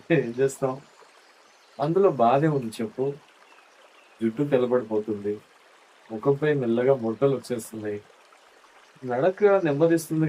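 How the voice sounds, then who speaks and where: Playing a husband in a scripted, heartfelt monologue, a middle-aged man speaks tenderly and intimately to his wife in a coaxing tone. His voice is mid-range and a little mellow.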